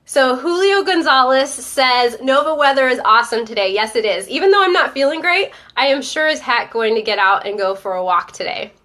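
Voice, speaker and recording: A woman's voice: sits high, animated, brisk, hardly any pauses, sharp tone. A woman with a stuffy head cold hosting a live stream, chatting upbeat with viewers and reading out their comments. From Northern Virginia. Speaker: host of a live-streamed show. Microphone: webcam or phone on a live stream.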